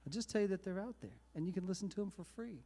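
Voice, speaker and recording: A man from Texas with a Texan accent, a performing musician chatting between songs in quick, laughing bursts. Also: high-pitched, dark tone, slightly rough, in a large hall. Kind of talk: casual stage banter between songs. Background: guitar music.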